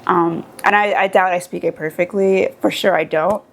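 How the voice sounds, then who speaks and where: A woman's voice: lowish voice, moderate pace, gravelly. A young woman from the United States talking casually and animatedly in a vlog, with many fillers. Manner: animated, chatty, lots of fillers. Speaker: vlogger. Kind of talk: casual chat.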